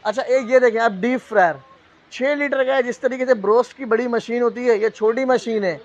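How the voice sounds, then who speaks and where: Male shop seller, Pakistani accent, high voice, off-the-cuff live pitch with repeated prices, dull phone audio. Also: a little fast. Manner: repeats prices and tag phrases like a street seller. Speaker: shop salesman hosting a live sale video. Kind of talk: live product sales pitch, casual and unscripted. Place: indoor appliance store, walking the aisles. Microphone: handheld phone.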